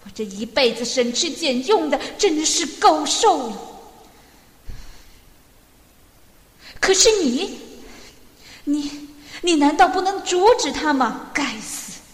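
A woman voicing a gruff old grandfather. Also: fairly high pitch, expressive, takes it slowly, long pauses, exaggerated voice. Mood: angry. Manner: gruff, scolding, then gently soothing. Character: grumpy old grandfather, quick-tempered. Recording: echoey room with long reverb.

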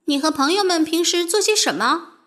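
A woman's voice: very high voice, animated, brisk, a bit bright, voice pushed up. A woman reading as an earnest young girl. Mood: curious. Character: earnest young girl, impulsive but sincere.

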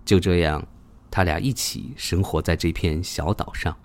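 A narrator reading a children's storybook with a gentle, expressive delivery. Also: low voice, normal speed.

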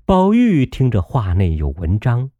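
A man narrating a classic novel as an audiobook, in a measured storytelling manner. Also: medium pitch, wildly swooping pitch, warm tone, no echo, lo-fi sound.

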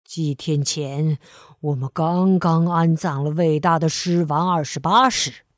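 A woman voicing a gloomy, self-important male crow who calls himself a sage, speaking slowly and solemnly. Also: deep voice, no echo, clean studio sound, pitched below the performer's own voice. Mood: mournful. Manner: solemn, slow and mournful.

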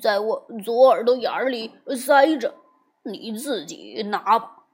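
A woman's voice: on the high side, animated, slow, slightly rough, exaggerated voice. A woman voicing a greedy, cowardly male pig monk who whines and blusters in a storybook tale. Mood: pleading. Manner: whiny, blustering.

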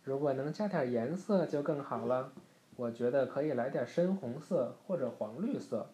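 A man's voice: mid-range voice, animated, normal speed, warm tone, a little hiss or hum, close to an everyday voice. A man voicing a cheerful little male snowman while reading a bedtime story aloud, in a slightly raised storytelling tone. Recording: roomy echo.

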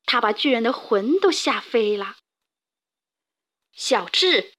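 A woman reading a children's story aloud with lively, expressive narration. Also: on the high side, normal speed.

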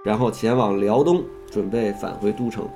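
A man's voice: on the low side, normal speed, over music. A man reading a classical history text aloud, stopping now and then to ask questions and add his own comments.

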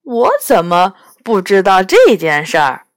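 A woman voicing a gruff, proud male palace beast with a dragon's body and bull horns, blunt and scoffing, in a storybook reading. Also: medium pitch, very animated, a little slow, dry recording, studio quality, voice pushed down. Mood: puzzled.

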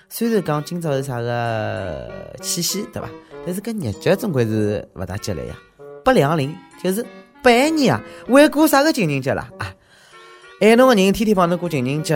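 A man with a Shanghainese accent delivering exclamatory, mocking, slangy comic news commentary as a show host. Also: mid-range voice.

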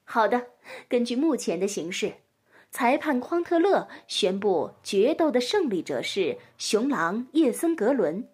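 A woman reading a children's story aloud in a gentle, expressive storytelling manner. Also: a little high, unhurried, breathy edge.

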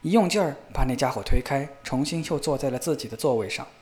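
A man narrating a fairy tale in a lively, expressive storybook reading. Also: mid-range voice, fast.

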